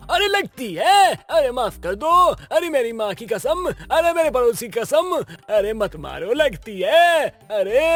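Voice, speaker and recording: An actor playing a bumbling middle-aged thug who blusters with threats and then whines and pleads. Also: male voice, extremely high pitch, exaggerated voice. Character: bumbling middle-aged male thug, bullying but cowardly. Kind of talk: cartoon voice acting.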